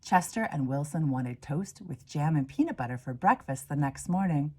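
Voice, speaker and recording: Expressive woman reading a children's storybook, lively pitch. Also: moderate pace, breathy edge. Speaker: reader, minister. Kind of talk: children's storybook read-aloud.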